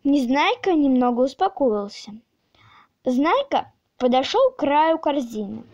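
A woman narrating a children's audiobook in a slow, expressive storytelling manner. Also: sits high, lo-fi sound.

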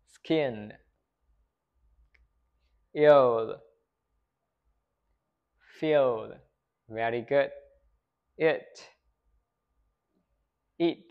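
Vietnamese man teaching pronunciation, lo-fi sound. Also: medium pitch. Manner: lively, asks rhetorical questions and answers them, models words for repetition. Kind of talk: video lesson, addressing viewers.

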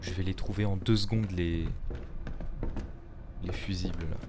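A man streaming a game live, talking to himself as he searches and thanking viewers, sometimes calling out loudly into his microphone. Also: sits low, steady tone, a little slow, noisy background. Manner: calls out loudly at the game through the mic. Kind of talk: casual live gameplay commentary.

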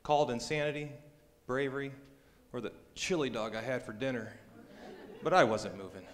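A man playing a wry, wary private detective on stage, narrating in a deadpan hardboiled style. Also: mid-range voice, normal speed, natural voice. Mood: wry narration. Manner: deadpan, dry. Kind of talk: noir stage narration and dialogue. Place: hall stage before an audience. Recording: echoey hall stage recording, clearly noisy.

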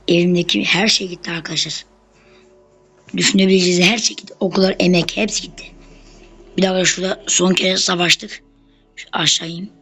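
Casual gameplay commentary, streamer keeps talking to the viewers like friends, gets excited in fights, faint music behind. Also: medium pitch, slightly rough, poor audio. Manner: chatty, constantly addressing viewers as friends; excitable bursts while fighting. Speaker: gameplay YouTuber.

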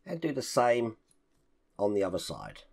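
Speaking at a normal speed with lively energy, a hoarse model-building host takes viewers through a casual hands-on build. Being ill left his deep, rough voice croaky, with occasional coughs. He handles the parts and explains each step in a chatty way inside his home hobby room full of collectibles.

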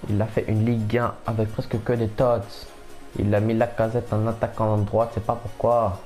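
A young man commentating his own football video game match, excitable and quick to shout and repeat himself. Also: fairly low pitch, faint music behind. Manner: excitable, shouts at big moments, repeats phrases rapidly. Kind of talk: casual live gameplay commentary.

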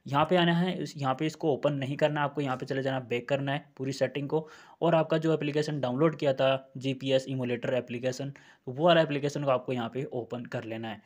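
A man's voice: mid-range voice, steady tone, fairly quick, darkish tone. A man walking viewers through phone settings, step by step and repeating himself often. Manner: repetitive, addresses viewers as friends, step by step. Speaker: tech tutorial host. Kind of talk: screen-recorded phone tutorial.

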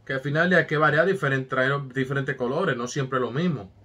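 A man's voice: mid-range voice, fairly quick, sharp tone, husky. A man giving hyped, casual commentary as a music reaction host, talking straight to his viewers with street catchphrases.

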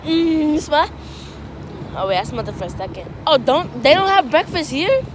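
A young woman vlogging chats casually with a friend in slangy, profane, informal speech as they move along a beachfront and street. Her high voice has lively intonation at normal speed, recorded on a handheld phone at arm's length amid loud wind and street noise.

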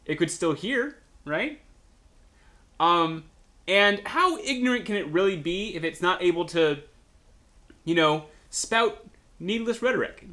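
A man's voice: high voice, expressive, measured pace, pauses often, sharp tone. A man playing a video game, making sarcastic jokes to himself and swearing as he plays. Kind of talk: casual let's-play commentary.

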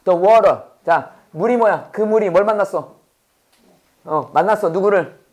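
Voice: mid-range voice, a little mellow. Teacher running call-and-response drills. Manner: playful, punning and chuckling, switching between Korean and English; asks the class quick questions and repeats key words.

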